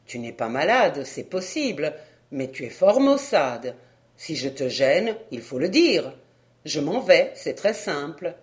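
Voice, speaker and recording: A woman's voice: mid-range voice, moderate pace, a little mellow, natural voice. A woman reading aloud as an irritated male doctor, pressing his friend with insistent, teasing questions. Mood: exasperated.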